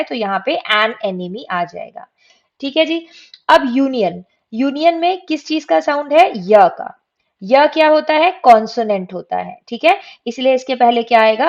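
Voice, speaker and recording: A woman teaching English grammar from slides. She asks her students questions and answers them herself. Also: sits high. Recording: dull lo-fi recording.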